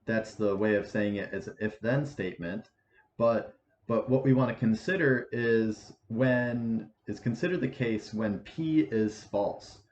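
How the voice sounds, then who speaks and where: A man in his twenties explains math in a casual, halting way, often restarting his phrases. His voice sits low, and the recording sounds dull and lo-fi with a roomy echo and a faint hiss behind it. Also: darkish tone. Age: 20s. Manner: halting, many restarts and fillers. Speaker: math teacher. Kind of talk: casual lecture.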